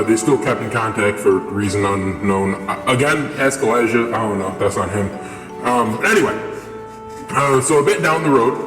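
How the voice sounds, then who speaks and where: A young man rambling through a casual story with lots of fillers, his voice run through a voice changer. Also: mid-range voice. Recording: echoey with long reverb, music behind.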